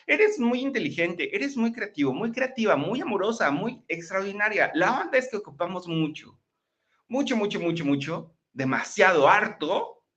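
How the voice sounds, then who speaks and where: A man's voice: sits high, a bit bright, dull audio. A man giving a chatty live-streamed motivational talk, often checking in with his listeners. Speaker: motivational speaker. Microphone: laptop microphone.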